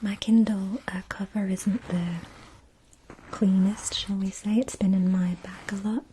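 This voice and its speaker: A woman whispering softly and gently in an unvoiced ASMR ramble, chatting casually to her viewers. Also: mid-range voice, little pitch movement, measured pace, a little hiss or hum, rough recording. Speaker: ASMR video creator.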